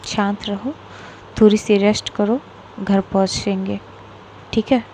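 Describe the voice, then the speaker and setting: A woman with a Bengali accent voicing a caring young woman who comforts and gently teases her partner. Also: fairly even intonation, measured pace, slight background noise, natural voice. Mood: soothing. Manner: soothing then teasing, a bit higher and brighter.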